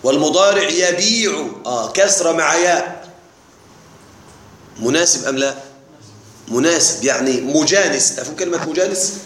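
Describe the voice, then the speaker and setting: A man teaching a grammar lesson to a class, reciting word pairs slowly and checking often that his students follow. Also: a little high, expressive, a bit bright, slight background noise. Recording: echoey room, voice from afar.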